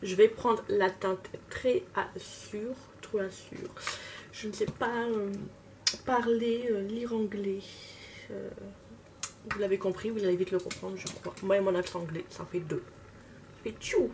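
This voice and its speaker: A woman's voice: mid-range voice, steady tone, normal speed, a little mellow. A woman vlogger chatting casually and poking fun at herself as she shows her makeup step by step. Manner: chatty, self-mocking, talks while working. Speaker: beauty vlogger. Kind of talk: casual makeup tutorial chat. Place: home, at a makeup table. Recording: distant mic with clear room noise.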